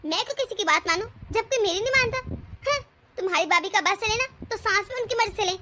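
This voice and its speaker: A woman voicing a quarrelsome young wife in an animated cartoon, talking in an indignant, scolding way. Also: very high voice, fast, noisy background. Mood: defiant. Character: young quarrelsome wife, sharp-tongued and defiant.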